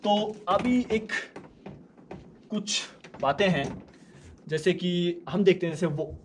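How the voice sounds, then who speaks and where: A man teaching a language lesson in a casual way, slowly repeating words so learners can follow. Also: high-pitched, slight background noise.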